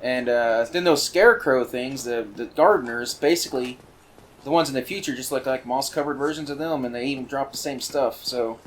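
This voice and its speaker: A man giving casual, rambling commentary on a video game he is playing, full of fillers and excited asides. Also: mid-range voice, fairly quick, a little hiss or hum. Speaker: let's play commentator.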